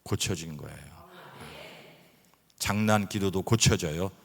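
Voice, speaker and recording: A middle-aged man preaching a revival sermon as a pastor, telling animated stories and acting out voices and sounds. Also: sits low, slow pace, creaky. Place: church sanctuary. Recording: long hall reverb.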